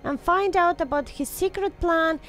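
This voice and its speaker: A woman's voice: extremely high pitch, moderate pace, a bit bright. A woman playing a sweet, brave baby girl angel in a babyish, exclaiming way, in a Minecraft roleplay. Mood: earnest, worried. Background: music.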